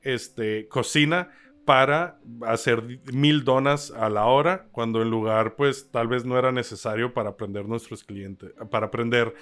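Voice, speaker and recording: A man's voice: medium pitch, a little slow, a bit bright, clear, resonant tone. A Mexican man co-hosting a casual podcast about business, joking and rambling with lots of filler words. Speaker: podcast co-host.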